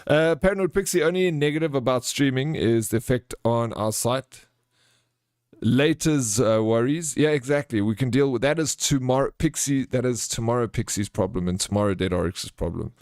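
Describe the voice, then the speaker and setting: A man's voice: medium pitch, moderate pace, darkish tone, smooth, no echo. South African man, dry close-sounding streamer chat. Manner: chummy, informal, calls viewers bro and friend. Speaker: livestream host. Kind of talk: casual livestream chat, reading out and answering viewer comments.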